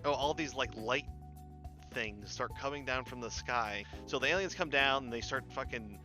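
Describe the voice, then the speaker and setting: A man's voice: mid-range voice, moderate pace, music in the background. A man hosting a comedy movie podcast, recapping the plot in a rambling, sarcastic way and swearing often. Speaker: host.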